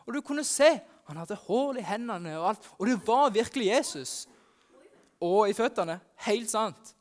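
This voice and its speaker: A man, a youth pastor, telling the Easter story in first person at a family church service, lively and exclaiming as he talks to the children. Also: sits high.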